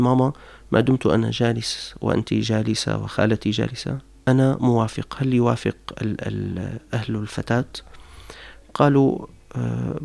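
A male preacher speaks fast, moving from a story into numbered advice for married couples. His voice has a steady gravelly rasp, and he lays out each rule one at a time. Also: mid-range voice. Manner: narrates a story then lays out rules point by point.

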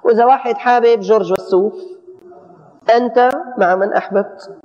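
A man giving a colloquial religious lesson, animated, often stumbling and repeating words for emphasis. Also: sits high, brisk. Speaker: religious teacher. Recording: dull audio with long hall reverb.

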